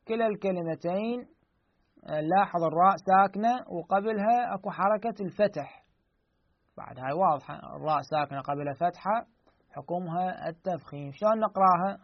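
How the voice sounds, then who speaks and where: A man with an Iraqi Arabic accent teaching Quran recitation rules. He explains step by step, asks his own questions, and then recites slowly. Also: high voice, dry recording, highs cut off. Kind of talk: tajweed lesson.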